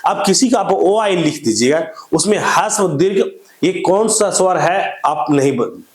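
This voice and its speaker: A man's voice: high voice, animated, measured pace. A man teaching a grammar lesson, often asking a question and answering it himself, repeating each point. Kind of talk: classroom-style grammar lesson. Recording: echoey room.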